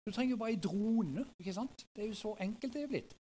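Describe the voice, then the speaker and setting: A middle-aged man with a notably high voice tells a story to an audience at a gathering. He talks in a loose, conversational way and keeps drawing his listeners in with quick asides. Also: expressive, dark tone, husky. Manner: conversational, often asks the audience "right?".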